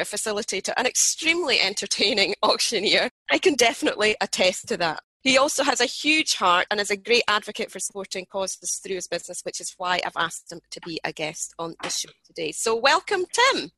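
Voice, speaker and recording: A woman's voice: medium pitch, sharp tone, no echo. A woman hosting an interview podcast, welcoming her guest in an enthusiastic, upbeat way. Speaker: podcast host.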